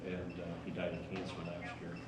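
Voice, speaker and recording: A man chatting casually and haltingly, often repeating himself as he recounts things. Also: low voice, completely flat delivery. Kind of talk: casual chat. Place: large indoor bowling alley. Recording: echoey room, distant mic, noisy.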